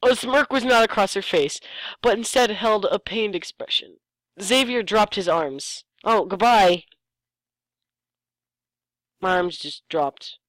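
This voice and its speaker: Dry close voice, reading bad fanfic out loud and roasting it, sarcastic asides, trips over words. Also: mid-range voice, unhurried, no room sound, low-quality recording. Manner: sarcastic, mocks the text and stumbles over lines. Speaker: host reading fan fiction aloud. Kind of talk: comedic dramatic reading with commentary.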